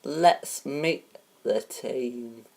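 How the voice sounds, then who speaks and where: In a very low voice with vocal fry and a little mellowness, a woman hosts a homemade parody game show. She reads rules and questions slowly and haltingly, full of ums and restarts.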